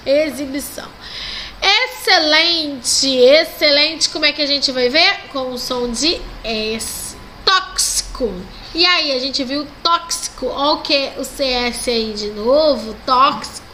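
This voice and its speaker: Correcting textbook exercises in a recorded online lesson for primary schoolchildren, a Brazilian Portuguese-accented woman speaks in a bright, high voice. She patiently stretches out example words and keeps asking "ok?" and "né?"; faint noise hisses underneath.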